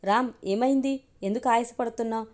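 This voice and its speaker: A woman reading the lines of a gentle, shy young woman in an audio story, speaking softly. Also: on the high side, fairly quick, close to an everyday voice.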